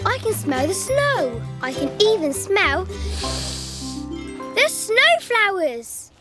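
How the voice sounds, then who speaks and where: A performer voicing an innocent, wide-eyed living snowman in a children's cartoon, with wondering, drawn-out exclamations. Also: very high-pitched, very animated, full character voice. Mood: delighted wonder. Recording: children's music behind the voice. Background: children's music.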